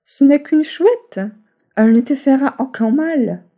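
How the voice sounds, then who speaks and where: A woman voicing a calm, caring mother rabbit in a bedtime storybook, gentle in manner. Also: high voice, unhurried, pitched above the performer's own voice.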